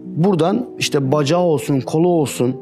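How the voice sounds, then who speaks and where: A man's voice: on the high side, moderate pace, over music. A man giving an earnest personal testimony as an interview guest, often repeating "I said" as he tells it. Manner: earnest storytelling, repeats "I said" and addresses listener as "abi".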